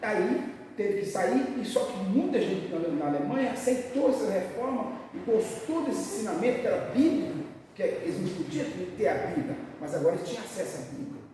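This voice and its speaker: A man teaching a Bible lesson in sermon style, preaching with emphatic swings in loudness and pace. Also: high-pitched, very animated, fairly quick, a little hiss or hum. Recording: roomy hall, far from mic.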